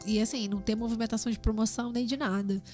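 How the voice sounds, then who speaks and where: A woman's voice: on the high side, fairly even intonation, rapid-fire, darkish tone, faint music behind. Earnest Brazilian woman sharing testimony. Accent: Brazilian Portuguese. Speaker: podcast guest, tattoo artist. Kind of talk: casual testimony chat.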